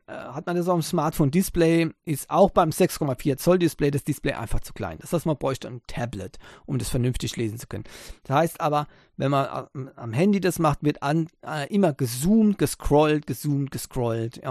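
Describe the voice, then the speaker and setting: A chatty man with a slightly high voice talks into a close, dry mic. He rambles through tech-podcast topics with plenty of "äh" and "ähm" fillers. Now and then he drops in a sarcastic aside. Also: a little mellow, dry recording. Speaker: podcast host. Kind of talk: casual tech podcast talk.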